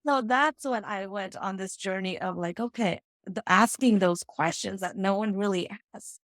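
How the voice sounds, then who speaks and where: A woman's voice: mid-range voice, moderate pace, fairly bright tone, dry recording. A woman from Fiji, a financial strategist, speaking as a guest in a casual interview and telling her story reflectively, often checking in with "right?" and "you know".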